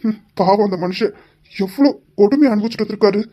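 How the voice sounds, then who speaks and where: For a hobby audio drama, a man plays a devoted young husband. He talks quickly in a mellow, mid-pitched voice, sounding gently reproachful as he explains things at length.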